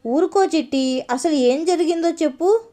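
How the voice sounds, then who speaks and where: A woman voicing a kindly mother who gently chides and reassures. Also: sits high, normal speed, voice pushed up, lightly acted.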